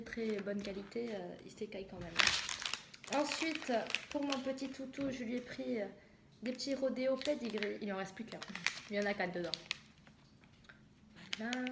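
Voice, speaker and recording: A woman's voice: mid-range voice, creaky. A young woman from southwest France chatting casually in a haul video, hesitant and full of fillers. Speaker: vlogger. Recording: echoey room with noise.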